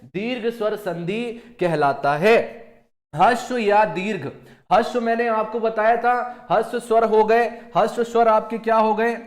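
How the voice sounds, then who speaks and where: A man's voice: sits high, fairly even intonation, unhurried, reverberant. A male Hindi grammar teacher giving an exam-prep lecture with a Madhya Pradesh accent, asking questions and answering them himself, repeating key terms and calling the students his dear friends.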